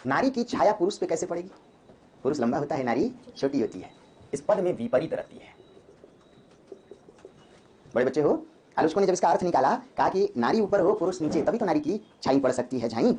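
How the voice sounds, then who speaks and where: Man, Hindi literature teacher, lively classroom lecture, quizzes students, faint background noise. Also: on the high side, a little fast, long pauses.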